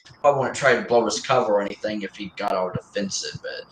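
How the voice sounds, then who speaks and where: A man hosting a livestream and chatting casually in a rambling, halting way, often restarting and repeating his words. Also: on the low side, a little hiss or hum. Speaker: livestream host. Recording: roomy echo.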